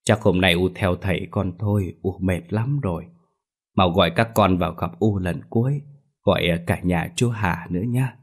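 A man voicing a middle-aged son in a ghost story, choked with tears, stammering and breaking into shouts. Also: low voice, moderate pace, breathy edge. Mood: recounting. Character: grieving middle-aged son, tearful then astonished.

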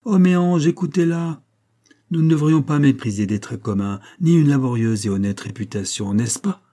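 Un homme qui lit une jeune femme fière, vive et ironique, dans un livre audio. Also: male voice, mid-range voice, moderate pace, dark tone, lightly acted. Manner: ironique, railleuse.

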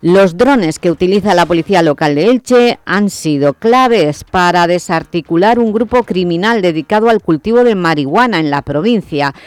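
A man reading a local radio news bulletin in a steady, measured way. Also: high voice, smooth, no room sound.

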